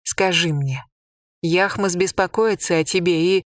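A reader voicing a gentle, earnest young woman in an audiobook, with a soft, questioning and slow delivery. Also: fairly low pitch, no echo, studio quality, lightly acted. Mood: worried. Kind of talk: audiobook character voice.

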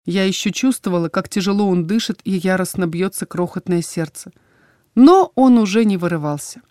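A woman reading a first-person fantasy audiobook with expressive, dramatic storytelling. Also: fairly low pitch, normal speed, no echo, clean studio sound. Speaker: audiobook narrator.

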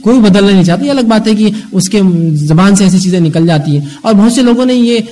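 A man giving an Islamic religious lecture, talking animatedly and acting out the voices of people he describes. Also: high voice. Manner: animated, acts out scolding voices.

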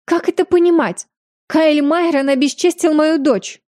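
A woman's voice: high voice, measured pace, darkish tone, no room sound, clean studio sound, pitched above the performer's own voice. A woman voicing a stout, furious noblewoman who shrieks in indignation, breathless with rage, in an audiobook. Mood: shrieking outrage.

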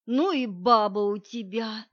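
A brash, mocking bald thug who flirts and teases, as a woman narrator puts him on for an audiobook. His lines come out smirking in a fairly high register. The sound is dull and lo-fi. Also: measured pace, close to an everyday voice. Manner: smirking, teasing.

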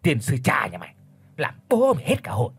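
A loud, bossy old village chief who barks orders and spits curses, as a man puts him on. His husky voice swings widely in pitch and runs quick and forceful in this spoken storybook. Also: expressive. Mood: furious. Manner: shouts curses and orders, stammers in fright.

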